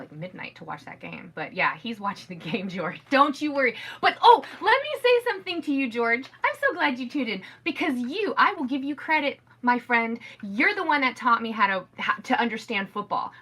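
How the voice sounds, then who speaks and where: A middle-aged woman chatting casually on her podcast from home. Her voice is bright and sits a little high, and she rambles through her stories with animated energy. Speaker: podcast host. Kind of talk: casual chat.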